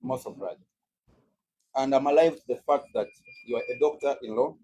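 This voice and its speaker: A man's voice: medium pitch, vocal fry, warm tone, breathy edge, rough recording. Man making a formal courtroom submission. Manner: measured, deliberate legal oratory. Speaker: state counsel in court.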